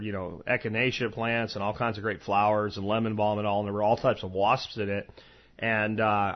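American man podcasting, dull lo-fi sound. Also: fairly low pitch. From eastern United States, Florida and Pennsylvania. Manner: conversational, rambling with personal anecdotes and asides. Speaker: podcast host. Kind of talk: informal solo podcast talk on medicinal plants.

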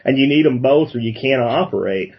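A man hosting a casual interview, thinking aloud in a halting way. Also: mid-range voice, lively intonation, slightly rough, highs cut off. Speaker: interviewer, host.

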